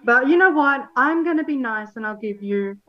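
A woman's voice: sits high, lively intonation, normal speed. Playful female co-host on dull lo-fi audio. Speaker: quiz co-host, question reader. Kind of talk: live online quiz hosting.

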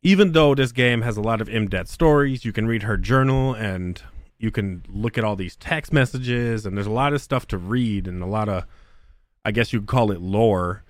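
A man's voice: fairly low pitch, moderate pace, no room sound, studio quality. A man co-hosting a podcast in casual chat, blunt and opinionated, swearing freely as he reviews a game. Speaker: podcast co-host.

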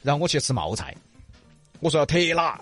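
A male co-host chats in a Sichuan accent with a rough, husky edge and very animated intonation. His banter is earthy and playful, full of exaggeration. The sound is roomy, with faint music underneath. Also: on the high side, a little fast. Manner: earthy, joking storytelling with colorful exaggeration. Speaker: talk show co-host. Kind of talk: casual banter about regional food.

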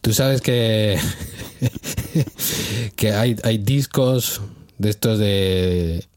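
A man's voice: on the low side, very slow, darkish tone, no room sound. A man with an accent from Spain, co-hosting a casual chat and joking through playful exaggerations with laughs in between. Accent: Spanish from Spain. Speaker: podcast co-host.

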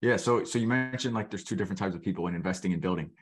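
Very fast-talking, low-voiced male interviewer. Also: soft background music. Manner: informal, rephrases questions mid-thought. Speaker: podcast interviewer. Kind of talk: casual interview conversation.

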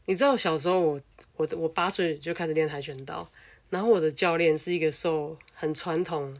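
A woman's voice: deep voice, a little fast. Blunt Taiwanese woman telling a story. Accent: Taiwanese Mandarin. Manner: blunt, animated, swears freely. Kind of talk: casual storytime monologue.

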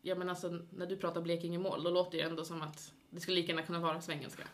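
A woman's voice: fairly low pitch, little pitch movement, heavy background noise. A woman with a Stockholm accent chatting casually and jokingly as a podcast co-host.

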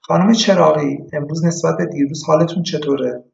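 A man doing a calm hospital doctor. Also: a little high, creaky, voice pushed up. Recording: echoey room, dull lo-fi.

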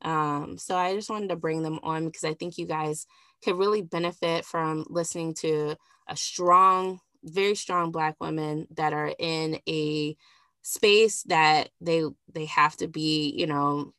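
A woman's voice: low-pitched, fairly even intonation, measured pace, a bit bright, clean tone, no room sound, clean studio sound. A woman hosting a podcast, introducing guests in a rambling way with many fillers. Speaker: podcast host. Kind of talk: casual podcast chat.

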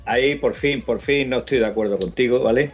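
A man's voice: mid-range voice, a little fast, muffled recording, soft background music. A man from southern Spain co-hosting a podcast in casual chat, joking and teasing. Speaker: podcast co-host.

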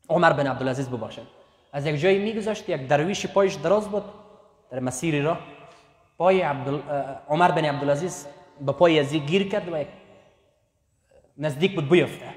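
A man delivers a sermon in a high, carrying voice, hammering his points home through repetition. He climbs in pitch whenever he stresses a point. The recording rings with the long reverb of a large hall. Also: darkish tone. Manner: emphatic, repetitive, voice rising on key points. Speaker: preacher.

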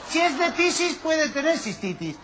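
An actor playing a manic, playful English teacher in a live comedy sketch, drilling silly words and shouting. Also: male voice, very high voice, big pitch swings, moderate pace, exaggerated voice. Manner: wordplay, mock pronunciation drills, shouting bursts. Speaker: comic stage actor. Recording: live show, audience laughter and noise.

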